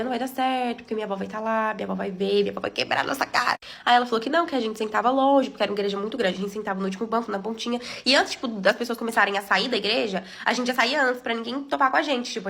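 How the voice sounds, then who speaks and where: A young woman from Brazil telling a personal story to her viewers in a chatty, animated way, with laughing asides. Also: fairly high pitch, gravelly.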